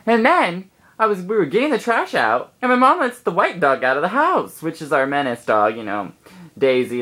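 A young woman telling a story to her phone camera in a casual vlog, animated and exasperated, swearing freely. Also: low-pitched. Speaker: vlogger.

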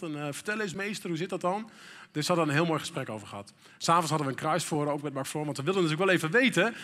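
In a reverberant church hall, a middle-aged pastor preaches with a fairly high-pitched voice that sounds pushed and bright. The sermon is frank and chatty, peppered with fillers.

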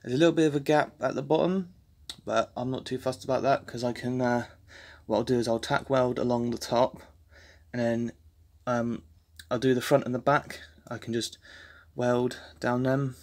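A man's voice: medium pitch, normal speed. A young man in his twenties casually talking through car repair work in a home garage, rambling with lots of fillers, filmed on a handheld phone. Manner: relaxed, rambling, many fillers and restarts. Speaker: car restoration vlogger. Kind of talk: casual workshop narration. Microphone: handheld phone camera.

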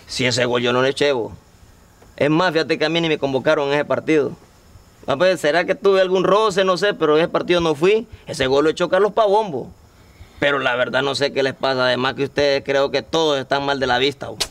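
A man's voice: fairly high pitch, fairly quick, fairly bright tone. An actor playing a grumpy, sarcastic retired footballer in a comedy sketch, speaking with a Honduran accent and tacking "vos" onto his lines. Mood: exasperated. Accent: Honduran Spanish. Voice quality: slangy, exasperated, repeats "vos".

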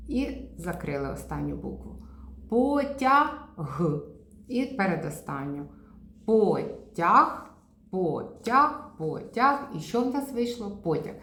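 A woman speech therapist giving a teaching demonstration, spelling words out slowly and emphatically. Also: on the low side, roomy sound, slight background noise.

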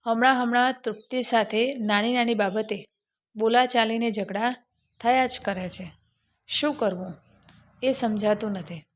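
Woman reading as a devoted young husband, earnest, reassuring, slow, storybook. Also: on the high side, steady tone, close to an everyday voice. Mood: troubled.

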